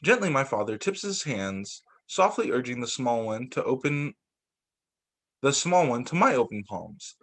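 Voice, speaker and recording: In an unhurried, mid-range voice, a man reads storybooks to young children as their teacher. He reads expressively, sometimes stumbling and going back to repeat a phrase.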